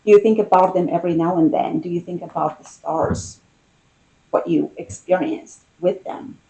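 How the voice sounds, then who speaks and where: A tarot reader talking in an intimate, conversational style, musing in short phrases with pauses between them. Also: medium pitch, steady tone, gravelly, mellow, muffled recording.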